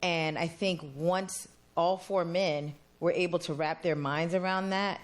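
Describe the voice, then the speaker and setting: A woman's voice: on the low side, steady tone, measured pace. A woman on a discussion panel who leads a team, speaking earnestly and candidly.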